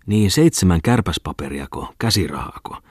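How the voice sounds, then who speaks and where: Suspicious shoemaker from a male reader, whiny and hesitant, husky low voice. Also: expressive, a little mellow, dry recording, clean studio sound. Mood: doubting. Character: pale, suspicious village shoemaker man. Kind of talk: audiobook character reading.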